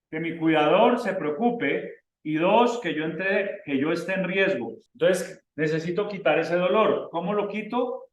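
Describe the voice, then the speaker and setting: A man with a Mexican Spanish accent teaching a coaching session, emphatic and repeating phrases to drive points home. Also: on the high side. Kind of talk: in-person coaching lecture. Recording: echoey room.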